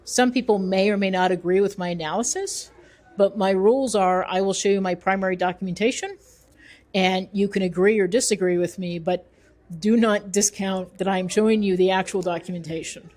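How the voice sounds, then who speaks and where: In conversation with an interviewer, a middle-aged woman, a researcher and author, argues her views emphatically and explains them with strong opinions. She talks fairly quickly, at a medium pitch with a slightly mellow tone.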